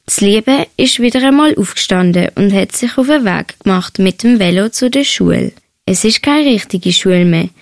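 A woman's voice: medium pitch, no room sound. A woman with a Swiss German accent reading her own story aloud as a student author.

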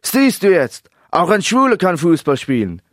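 Brash, hot-tempered young keeper, read by a man, raised pitch, dry booth sound. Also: sing-song, a little fast, no echo. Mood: defiant. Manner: shouting, brash. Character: young male footballer, hot-tempered goalkeeper.

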